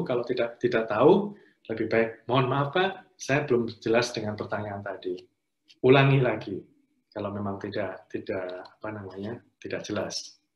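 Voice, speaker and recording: A man giving a conversational career-skills lecture over a video call, acting out interview exchanges as he teaches. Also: mid-range voice. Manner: conversational, acts out interview dialogues. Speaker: career trainer. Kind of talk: online training lecture. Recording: roomy, dull lo-fi audio.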